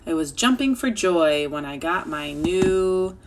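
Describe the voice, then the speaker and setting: A woman teaching children an online phonics lesson, sounding out words slowly and clearly. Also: on the low side, lively intonation, noisy background.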